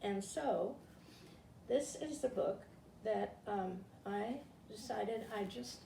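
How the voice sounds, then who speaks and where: An older woman in her 70s or beyond, a retired teacher who reads aloud to audiences, talks informally and reads to a group. Her creaky, mid-range voice has a dark tone, and she speaks haltingly, rambling and interrupting herself. The distant mic picks up an echoey room and faint noise.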